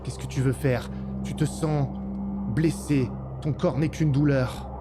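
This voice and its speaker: A man narrating a tabletop game as game master, deliberate and dramatic, in short suspenseful phrases. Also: a little high, fairly even intonation, noisy background. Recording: loud music and effects behind.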